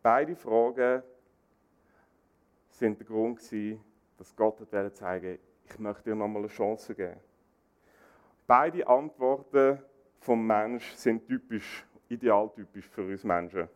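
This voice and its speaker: A man preaching a sermon, animated, acting out quoted dialogue. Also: takes it slowly, smooth. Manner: animated, acts out quoted dialogue with rising pitch.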